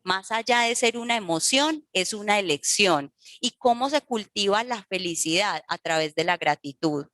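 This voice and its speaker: A woman's voice: mid-range voice, expressive, normal speed, a bit bright, no echo. A woman giving a talk to parents about emotions, explaining step by step and often checking in with her listeners. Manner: didactic, checks in with "¿sí?" and "¿listo?". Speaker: workshop speaker for parents.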